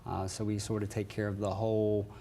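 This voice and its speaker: An American man from West Virginia, a nurse manager, answers interview questions in a lowish, dark voice with little pitch movement, speaking a little fast. He is courteous and says "yes ma'am," and there is slight background noise.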